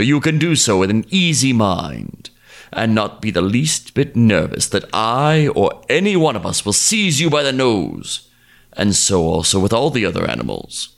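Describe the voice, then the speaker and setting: Sly old crocodile in a storybook, read by a man; low, persuasive, measured. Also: very animated, gravelly. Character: scheming old male crocodile, smooth-talking.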